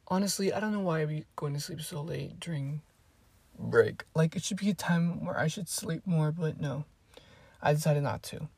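A woman's voice: low-pitched, creaky, mellow, breathy edge, no echo. A teenage girl telling stories to camera in a casual vlog, rambling and swearing freely with plenty of asides. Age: teens. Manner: rambling and profane, with fillers and asides. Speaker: vlogger.

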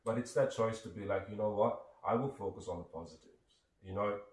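A man's voice: lowish voice, a little fast. A man from Sri Lanka, a guest talking earnestly and reflectively in a conversation. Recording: echoey room, distant mic.

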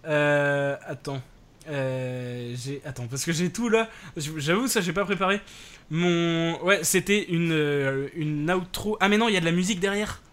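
A man's voice: a little high, a little slow, a bit bright. A young man hosting a live stream talk show, hesitant, thanking viewers and laughing between remarks. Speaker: host.

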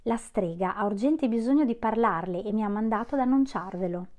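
A woman's voice: medium pitch, fairly quick, narrow, tinny audio, natural voice. A woman voicing a timid green servant creature who speaks deferentially and naively.

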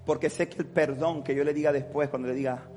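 A man's voice: fairly high pitch, steady tone, quick pace, soft background music. Impassioned male pastor in a reverberant church. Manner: impassioned preaching, swings from shouting to quiet confiding. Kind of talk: sermon.

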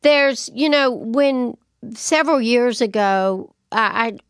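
A woman's voice: fairly high pitch, slow, clear, resonant tone, no echo, studio quality. A woman co-hosting a self-care podcast, reading topics aloud and chatting in a rambling way with asides. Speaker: podcast co-host. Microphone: studio microphone.

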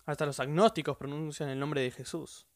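A man's voice: a little high, fairly even intonation, fairly quick, no echo, clean studio sound. A man with a Rioplatense Spanish accent giving an earnest, emphatic devotional podcast teaching, repeating his key phrases. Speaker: podcast preacher.

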